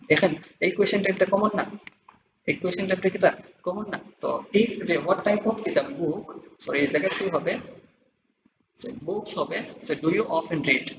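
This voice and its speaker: A young man talks fast in a somewhat high voice, walking learners through a lesson. He circles back and restarts often, then slows right down to read English sample answers. The recording sounds dull and lo-fi, with clear background noise. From Bangladesh. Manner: reads English example answers slowly and deliberately, then explains; loose, repetitive explaining with many restarts. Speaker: English exam tutor. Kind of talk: casual screen-walkthrough tutorial.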